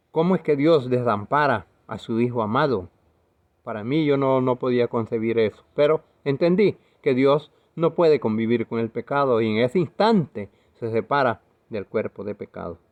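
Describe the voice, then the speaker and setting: Earnest preaching man, lo-fi audio. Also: medium pitch. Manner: earnest, emphatic preaching with slips and self-corrections. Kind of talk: video sermon.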